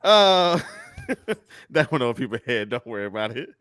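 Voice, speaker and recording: A man hosting a casual comedy podcast, telling stories with laughs and animated energy. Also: medium pitch, moderate pace, clean tone, no echo, studio quality. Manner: animated storyteller, laughs often, loud mock-preacher bursts. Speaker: podcast host.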